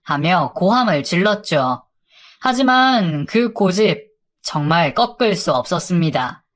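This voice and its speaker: A woman's voice: on the low side, sing-song, unhurried. A woman narrating her own life story in a confiding, conversational way. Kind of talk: first-person story narration.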